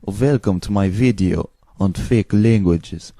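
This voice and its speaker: Very dark-voiced man with Eastern European accent. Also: fairly low pitch, dry recording, clean studio sound. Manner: halting, simple non-native English phrasing. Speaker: video presenter. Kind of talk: casual announcing of fake language demonstrations.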